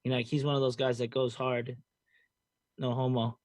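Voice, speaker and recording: A man's voice: mid-range voice, little pitch movement, normal speed, a little mellow, no room sound. A man co-hosting a casual sports chat, rambling loosely with lots of filler words. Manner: rambling, filled with "you know" and "like". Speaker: co-host.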